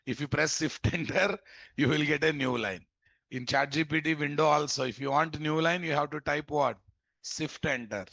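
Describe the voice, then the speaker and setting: A programming instructor with a Telugu Indian English accent teaches an informal live coding class, repeating instructions and quizzing students with questions. His voice is on the high side, gravelly, pushed and bright, at normal speed, on a lo-fi recording with no echo.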